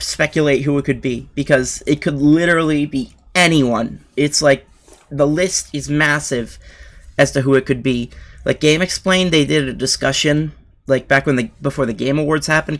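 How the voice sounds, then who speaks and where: A young man streaming a live reaction from his bedroom, excited and rambling with lots of fillers. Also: medium pitch.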